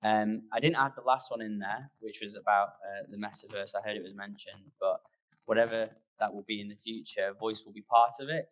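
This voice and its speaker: A man with a lowish voice, captured in a rough recording, presents at a conference in an informal, conversational style. He explains things loosely and fields questions from the audience.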